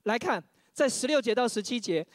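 A man's voice: very high voice, animated, a little fast, no echo, clean studio sound. A man preaching a sermon, sharing his own testimony, often stammering over repeated words and leading the congregation in reading scripture aloud.

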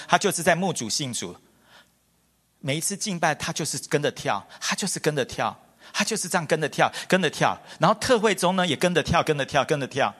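A middle-aged man preaching a sermon, telling stories with lots of repetition and calling the congregation forward. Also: on the high side. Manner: animated, repetitive, storytelling. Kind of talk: sermon with altar call. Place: church hall. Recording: long hall reverb with faint music.

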